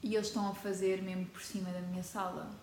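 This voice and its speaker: Teen girl vlogger, European Portuguese accent, chatty and dramatic, mid-pitched voice, roomy echoey sound. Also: level tone, quick pace, darkish tone, slight background noise. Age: teens. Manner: chatty, dramatic, mixes in English words. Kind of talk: casual chat to camera. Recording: echoey room with faint ambience.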